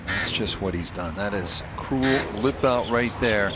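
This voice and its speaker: A man's voice: fairly low pitch, unhurried. A man anchoring live golf commentary as the lead announcer, calling the play. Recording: clear outdoor noise behind the voice.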